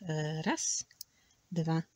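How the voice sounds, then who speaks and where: A woman's voice: deep voice, steady tone, very slow, a little mellow, no echo. A woman teaching a crochet tutorial, patiently counting stitches aloud and sometimes dropping to a near whisper. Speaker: crochet instructor.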